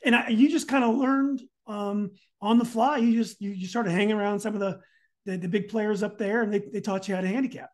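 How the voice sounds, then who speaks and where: A man's voice: high-pitched, steady tone, brisk. A man hosting a casual podcast interview, hesitant and often searching for his words.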